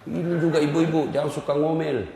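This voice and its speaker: A man's voice: fairly high pitch, level tone, fairly quick, vocal fry, background noise. A male Islamic preacher giving a humorous sermon, teasing and calling out to his audience. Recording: echoey hall reverb.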